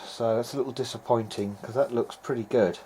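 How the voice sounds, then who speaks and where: A man with a dark, mid-range voice talks fairly quickly in a steady tone. As a hobbyist electronics repairer, he thinks aloud while testing equipment in an informal, hesitant video diary, recorded noisily by an amateur.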